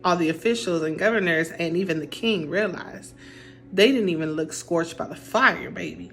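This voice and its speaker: A woman's voice: on the low side, normal speed, creaky, faint music behind. Chatty young woman retelling a Bible story. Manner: chatty, colloquial, animated emphasis. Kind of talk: casual storytelling while doing makeup.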